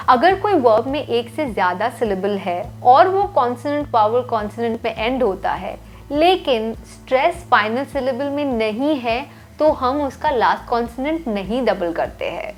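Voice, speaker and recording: A woman teaching English grammar rules in a clear, step-by-step way. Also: a little high. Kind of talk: scripted lesson voice-over. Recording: faint music behind.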